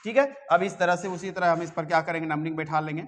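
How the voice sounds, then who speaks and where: A man leads a reasoning class in a coaching classroom, his voice sitting a little high. He coaxes the students and checks often that they understand. The mic is some way off, so the room's reverb rings behind him. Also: fairly even intonation, quick pace, a bit bright, a little hiss or hum. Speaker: reasoning teacher. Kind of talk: classroom lecture.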